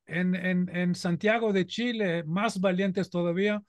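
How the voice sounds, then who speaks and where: A middle-aged man with an Israeli accent addresses a community audience. His voice sits notably high, and his delivery is earnest and emphatic, peppered with rhetorical questions. The recording is close and dry, with almost no room sound. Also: steady tone, a little slow, dry recording. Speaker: guest speaker. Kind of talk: informal talk to a community audience.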